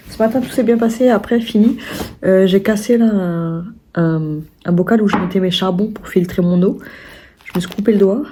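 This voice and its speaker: A woman's voice: fairly low pitch, dark tone, slight background noise. A young woman vlogging at home in a rambling, chatty way, full of restarts and fillers. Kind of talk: casual vlog chat. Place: at home indoors.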